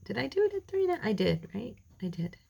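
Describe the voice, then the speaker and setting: Working through a craft tutorial, this tired, middle-aged channel host talks chattily and ramblingly to viewers and quietly mutters to herself. She speaks fast in a sing-song, gravelly voice on the high side, with vocal fry. There is slight background noise.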